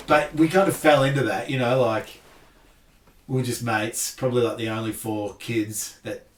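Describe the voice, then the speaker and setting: A man's voice: medium pitch, fairly even intonation, moderate pace, reverberant. Aussie guy in his 30s, chill self-deprecating chat, sounds far from the mic. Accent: Australian. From Australia. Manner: laid-back, self-deprecating, drawling with "like". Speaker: podcast guest. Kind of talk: casual chat.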